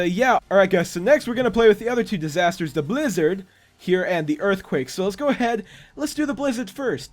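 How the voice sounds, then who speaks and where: A young man casually walking viewers through a game creation, chatty and often stumbling over his words. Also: sits high. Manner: chatty, stumbles and restarts, self-correcting. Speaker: gaming YouTuber. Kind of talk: casual gameplay walkthrough.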